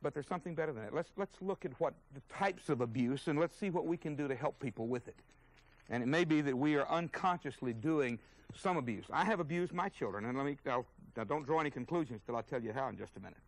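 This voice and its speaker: A man's voice: mid-range voice, expressive, fast talker, poor audio. A man teaching a sermon as a Bible teacher, earnest and emphatic, openly indignant at his subject.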